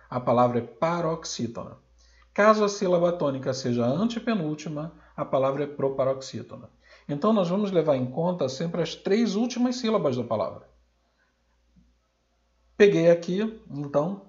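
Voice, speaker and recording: A Brazilian Portuguese man teaching a recorded grammar lesson, sounding out example words slowly and loudly. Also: a little high, lo-fi sound.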